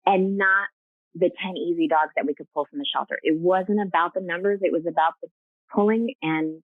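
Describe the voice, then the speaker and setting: This rescue co-founder, a woman guest on an informal video-call interview, talks quickly in a fairly low voice. Her earnest answers are full of fillers and restarts, and the audio is echo-free but tinny, like a phone line.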